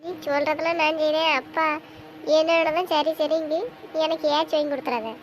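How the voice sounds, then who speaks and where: Woman, high voice, fast talk, teasing older sister, faint background noise. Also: steady tone, poor audio. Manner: quick, teasing, bossy older-sister banter. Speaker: elder sister. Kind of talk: amateur web drama acting.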